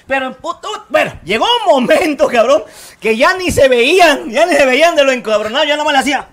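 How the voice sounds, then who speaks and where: Squeaky-voiced Mexican man telling a rowdy joke. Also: animated, quick pace, a bit bright. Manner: laughing through his own joke, profane and rowdy. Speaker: radio comedian.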